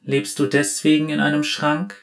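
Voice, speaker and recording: A man's voice: a little high, fairly even intonation, moderate pace, creaky, voice pushed up. A man voicing a curious young mechanical girl in a storybook, asking eager, wondering questions.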